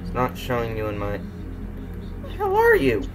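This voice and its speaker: A man's voice: mid-range voice, wildly swooping pitch, a little slow, over music. A man in casual gaming chat over a headset mic, giving bossy callouts and teasing his teammate. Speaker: gamer.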